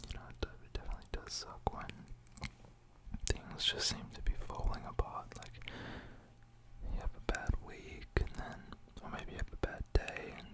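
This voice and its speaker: Close-miked and whispering softly with plenty of breath, a male ASMR creator rambles through a casual chat at a moderate pace. His delivery feels gentle, informal and comforting.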